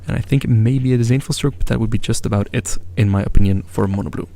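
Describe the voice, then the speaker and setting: A man's voice: lowish voice, fast talker, creaky, dark tone, slight background noise. A man commentating a live card game match, analytical, chatty and given to jokes. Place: event venue.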